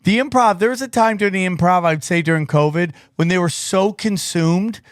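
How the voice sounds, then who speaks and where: A man hosting a podcast, talking in an animated, ranting way and swearing freely. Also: high voice, brisk, clean tone, no echo, clean studio sound. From Armenian family from Turkey. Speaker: podcast host. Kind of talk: casual podcast chat.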